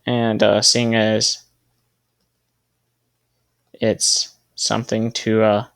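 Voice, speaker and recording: A man's voice: on the low side, completely flat delivery, extremely slow, creaky, fairly bright tone, smooth. A man giving casual gameplay commentary, thinking aloud as he sets up a team and correcting himself as he goes. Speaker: gaming video creator.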